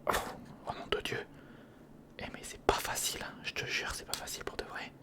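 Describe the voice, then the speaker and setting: Speaking a little fast, an ASMR creator keeps to an unvoiced, breathy whisper while casually muttering and reasoning aloud through a hands-on build.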